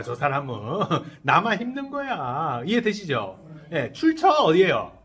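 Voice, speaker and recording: A man, a Buddhist monk, giving a sermon to a congregation, posing questions and answering them himself and having the listeners repeat his phrases. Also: on the high side. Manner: leads the congregation in call-and-response repetition. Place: temple dharma hall.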